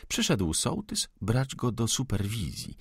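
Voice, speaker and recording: A man voicing a proud young lady of the manor, calm, witty and unafraid, in an audiobook. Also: on the low side, a little slow, husky, dry recording, clean studio sound, voice pushed up, full character voice. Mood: storytelling lively. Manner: cool, ironic, unafraid.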